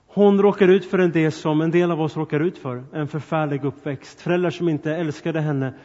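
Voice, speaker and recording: A man's voice: on the high side, fairly even intonation, dark tone. A man preaching a sermon, earnest, speaking straight to his congregation with questions and appeals. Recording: long reverb, dull sound.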